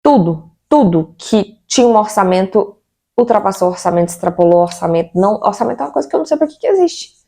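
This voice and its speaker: A woman's voice: medium pitch, animated, quick pace, warm tone. A young Brazilian woman with a Brazilian Portuguese accent, venting casually to her viewers about her home renovation and asking rhetorical questions. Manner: chatty and exasperated, with rhetorical questions. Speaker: vlogger.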